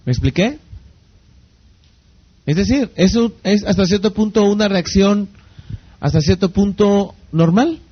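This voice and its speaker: A man giving a leadership lecture to an audience. He keeps checking in with quick rhetorical questions. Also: high voice, slightly rough, muffled recording. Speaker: leadership speaker.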